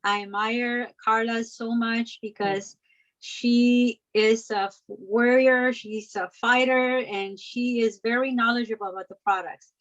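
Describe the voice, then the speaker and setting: A woman's voice: on the high side, fairly even intonation, unhurried, fairly bright tone, highs cut off. A woman hosting a live online chat, introducing a guest with enthusiasm. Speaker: host.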